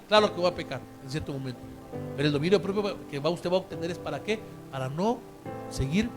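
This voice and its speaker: A man preaching a sermon in a conversational way, asking rhetorical questions of the congregation. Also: fairly high pitch.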